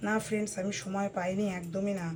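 A hoarse woman chatting casually to her viewers at home while cutting vegetables. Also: mid-range voice, level tone, fast, slight background noise. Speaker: vlogger. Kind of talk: casual vlog chat to viewers.

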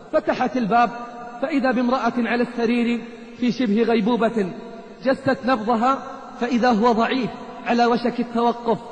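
High-voiced preacher telling an emotional story. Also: male voice. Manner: emotional, addresses the audience directly. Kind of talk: sermon storytelling. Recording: echoey hall.

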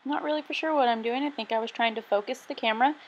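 A woman's voice: on the high side, quick pace, highs cut off. A young woman casually narrating her makeup tutorial in a chatty, self-deprecating way. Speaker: beauty vlogger.

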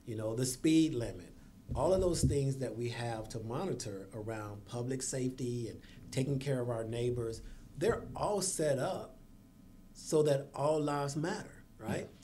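Guest man, school equity director; mid-pitched, earnest, dry sarcasm. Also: a little slow, dark tone. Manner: earnest, with sarcastic asides and laughter. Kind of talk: podcast conversation.

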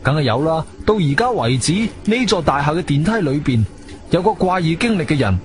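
In a Cantonese radio drama, an actor with a Guangzhou accent plays an inquisitive, self-assured investigator narrating his own story and acting out dialogue. His fairly high voice is very animated, fairly quick and insistent, over music with a little hiss or hum.

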